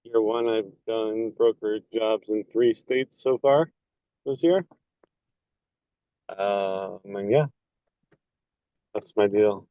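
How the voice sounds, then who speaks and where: A man with a mid-pitched, dark, relaxed voice speaks casually to a group. The call audio is dry and slightly dull. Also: takes it slowly, long pauses, smooth, dry recording. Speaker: meeting participant, pavement broker. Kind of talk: casual introduction and tips.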